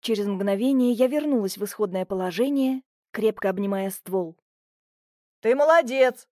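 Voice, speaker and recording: A woman giving an expressive first-person audiobook narration. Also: mid-range voice, moderate pace, dry recording, clean studio sound.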